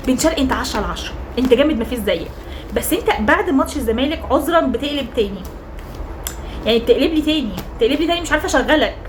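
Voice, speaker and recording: A young woman football fan vlogger with an Egyptian Arabic accent rates players in a chatty, teasing, emphatic monologue, her voice hoarse from cheering. She speaks high-pitched, expressive and racing, against a noisy background.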